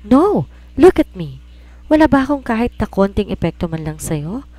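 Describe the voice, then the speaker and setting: A woman's voice: medium pitch, sing-song, fairly quick, warm tone, dry recording, pitched above the performer's own voice, lightly acted. Woman playing a lovesick young woman, pleading, emotional, storybook romance. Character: desperate young woman in love.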